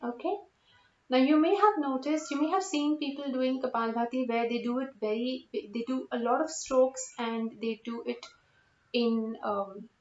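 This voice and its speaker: A woman's voice: fairly high pitch, darkish tone. Young female yoga teacher for step-by-step instruction; methodical delivery, slightly dull recording in a reverberant room. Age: young adult. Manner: methodical, explanatory, repeats key cautions. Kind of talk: spoken instructional demonstration. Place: indoor room at home, seated on floor.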